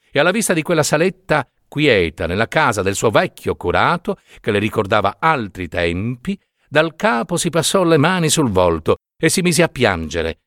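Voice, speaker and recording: A man reading a story aloud with expressive, dramatic phrasing and long pauses. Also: medium pitch, no echo, studio quality. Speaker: narrator.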